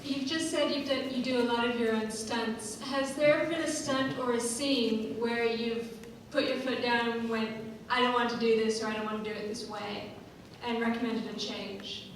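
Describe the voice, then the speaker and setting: Woman in the crowd asking a question, kinda high voice, big echoey hall, far away. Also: fairly even intonation, normal speed, a little hiss or hum. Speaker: audience member asking a question.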